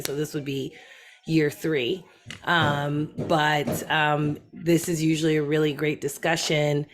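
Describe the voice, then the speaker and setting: A woman with a very low voice welcomes a panel audience over a video call. She speaks in a relaxed, meandering way with frequent ums. The line has only faint background noise. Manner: relaxed, rambling, many ums. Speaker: program organizer. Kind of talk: welcoming remarks.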